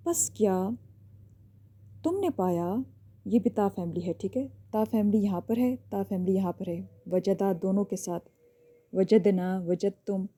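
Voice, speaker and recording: A woman gives a recorded lesson in a very dark, mellow voice. She walks through each point step by step and keeps checking in with a short "okay" before moving on. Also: mid-range voice. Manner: explains step by step, often checks with a quick "ठीक है". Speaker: teacher.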